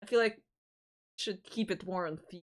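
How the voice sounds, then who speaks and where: A woman's voice: medium pitch, fairly quick. A woman hosting a livestream, chatting casually with viewers in a giggly, rambling way, often restarting her sentences. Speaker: livestream host.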